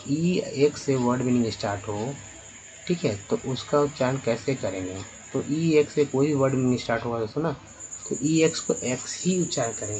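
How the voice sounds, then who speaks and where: Man, pronunciation teacher, spells letters slowly, repeats words, faint background hiss. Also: mid-range voice, darkish tone, rough recording. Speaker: English teacher. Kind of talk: spoken lesson on pronunciation.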